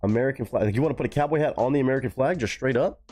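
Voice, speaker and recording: A man's voice: mid-range voice, racing, dark tone, soft background music. A man hosting a live stream in loose, casual chat, swearing freely and answering his chat.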